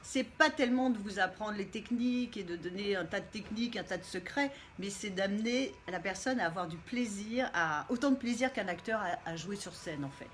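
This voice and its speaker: With a medium-pitched voice, a middle-aged woman talks a little fast with few pauses as a guest coach on a laid-back live stream. Of Italian heritage and from Montréal, Canada, she's expressive and playful and laughs easily. There's faint background noise.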